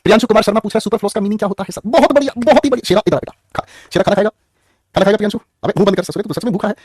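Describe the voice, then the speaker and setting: Young guy w/ teaching english grammar online, super fast talker, jokey, teases kids by name, dry close mic. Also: high voice, steady tone, darkish tone, dry recording. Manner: rapid, joking, teasing students by name. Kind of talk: online class lecture.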